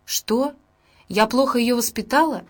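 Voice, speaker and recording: A woman's voice: on the high side, unhurried, voice pushed up. A woman voicing an offended elderly grandmother who defends herself emotionally.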